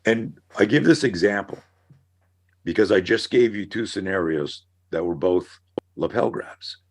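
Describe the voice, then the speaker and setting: A middle-aged man on a podcast, an animated storyteller who acts out scenarios as he talks. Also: fairly low pitch, a little slow. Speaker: guest, self-defense instructor. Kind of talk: casual podcast conversation.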